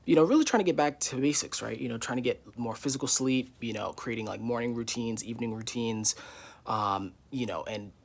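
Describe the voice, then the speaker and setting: A man's voice: mid-range voice, fairly quick, creaky. A man in his twenties giving a casual, candid vlog update from his living room, rambling with many fillers. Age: 20s. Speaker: YouTuber.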